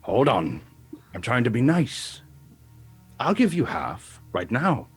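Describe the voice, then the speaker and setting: A man's voice: medium pitch, sing-song, slow pace, breathy edge, soft background music. A man playing a tabletop game, casually describing his actions and speaking for his character. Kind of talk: casual in-game role-play.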